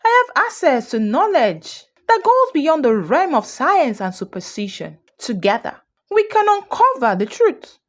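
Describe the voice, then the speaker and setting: A woman's voice: sits high, big pitch swings, a little slow. A woman voicing an eccentric, mischievous male scholar of the arcane in a storybook tale, grand and theatrical. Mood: grandiose.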